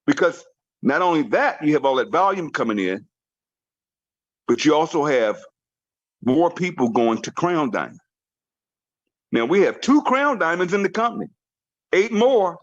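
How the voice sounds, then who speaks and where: A network marketing trainer leads a motivational team call over a conference line, pushing and repeating his points with emphatic, preacher-like energy. His voice is on the high side, and the recording is muffled but free of echo.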